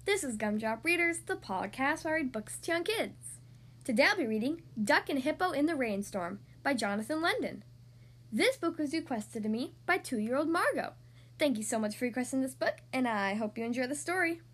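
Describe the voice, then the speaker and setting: A woman hosting a children's podcast, reading a picture book aloud in an expressive, sing-song way. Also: sits high, normal speed.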